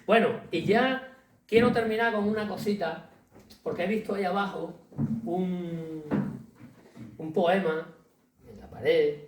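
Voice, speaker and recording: A man with a Spanish accent from Spain giving an animated, colloquial talk to an audience, reciting verse and tossing in tag questions. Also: sits high, unhurried, long pauses. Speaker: author giving a public talk. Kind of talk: lively informal lecture. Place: hall with a large audience. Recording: echoey hall, distant mic, faint noise.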